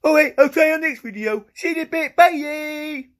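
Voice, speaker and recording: A very high, shouty potato. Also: male voice, moderate pace. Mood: excited. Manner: shouty, rambling, stumbles over words. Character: silly talking potato, childish and excitable. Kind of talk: comic vlog sketch.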